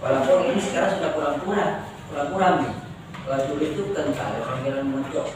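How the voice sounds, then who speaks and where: Speaking quickly in a slightly high voice, this law lecturer with an Indonesian accent blending Makassar and Javanese teases his students and keeps adding "ya" to his sentences. The joking lecture is captured from a distance in an echoey, noisy university classroom.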